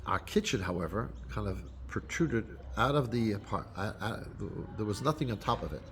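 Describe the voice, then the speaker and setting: A man's voice: lowish voice, expressive, a bit bright, a little hiss or hum. A man speaking as a rabbi, giving an unscripted holiday talk to his congregation with frequent restarts and fillers. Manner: unscripted, halting, with many restarts.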